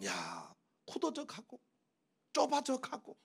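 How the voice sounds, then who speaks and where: A man preaching an animated sermon as a pastor, emphatic and often breaking into laughter as he acts out exchanges. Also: extremely high pitch, slow pace, gravelly, breathy edge.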